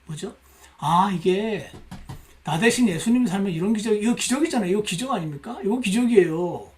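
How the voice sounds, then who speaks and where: 여성 양육반에서 성경을 가르치는 남자 목사로, 질문을 던지고 인용된 말을 연기하듯 들려준다. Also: male voice, sits high, brisk. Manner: animated, rhetorical questions, acts out quoted lines. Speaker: pastor teaching a women's Bible class. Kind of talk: Bible class teaching. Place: church classroom.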